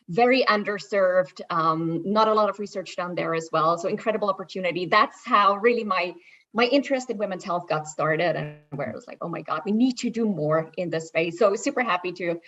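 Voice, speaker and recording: A woman's voice: medium pitch, a bit bright. Upbeat Swiss-raised woman on a panel. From Switzerland. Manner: upbeat, brisk, enthusiastic. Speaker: venture investor, panelist. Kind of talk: panel self-introduction. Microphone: video call. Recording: dull, lo-fi audio.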